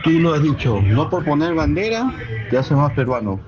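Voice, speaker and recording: A man's voice: on the high side, big pitch swings, normal speed, a crowd in the background. A man leaving a critical, matter-of-fact voice message. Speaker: caller. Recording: dull lo-fi voice note.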